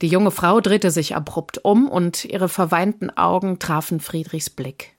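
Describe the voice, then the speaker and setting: A woman reads a novel aloud in a calm, measured storytelling voice. Her pitch sits low for a woman, giving the narration a grounded feel. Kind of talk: audiobook narration.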